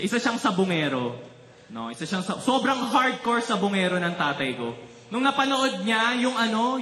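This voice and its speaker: A man's voice: high-pitched, roomy sound. A man from the Philippines doing a stand-up comedy routine, telling stories and teasing the audience. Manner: animated storytelling, teasing the crowd.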